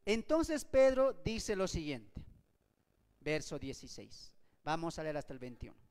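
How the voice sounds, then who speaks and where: Man teaching Bible study: high, smooth voice, emphatic and repetitive, hall reverb. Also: big pitch swings, measured pace, a little mellow. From Bolivia. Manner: emphatic, asks rhetorical questions and repeats points.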